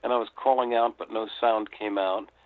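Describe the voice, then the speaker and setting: An older man from the United States, a guest author telling a story reflectively with frequent pauses, heard over a tinny phone line. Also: lowish voice, fairly even intonation, no room sound. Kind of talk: storytelling interview.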